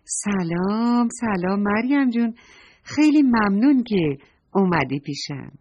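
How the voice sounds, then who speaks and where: A woman's voice: high-pitched, very animated, darkish tone, slight background noise, pitched above the performer's own voice. A woman voicing a shy, polite little girl who is easily hurt, on a dull lo-fi recording. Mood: timid, polite.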